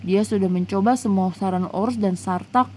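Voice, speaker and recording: A woman's voice: medium pitch, moderate pace, a little hiss or hum. A woman reading a storybook aloud to her child, with chatty, playful asides in between.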